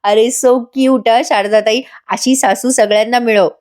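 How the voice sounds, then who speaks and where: A woman's voice: on the high side, fairly even intonation, unhurried, a little mellow. A woman giving a chatty voice-over recap of a TV serial, talking straight to viewers and laughing often. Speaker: TV serial reviewer.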